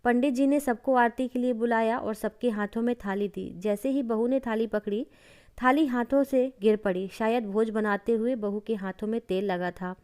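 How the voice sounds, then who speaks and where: Woman storyteller, slightly high and clear voice, steady scripted narration of a family tale. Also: normal speed.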